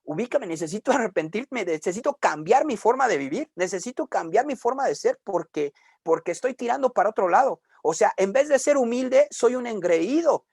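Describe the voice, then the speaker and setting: A man's voice: high-pitched, expressive, fairly quick, creaky, hardly any pauses, darkish tone, husky, dry recording, clean studio sound. A man with a Mexican Spanish accent preaching a sermon in a conversational way, with joking asides.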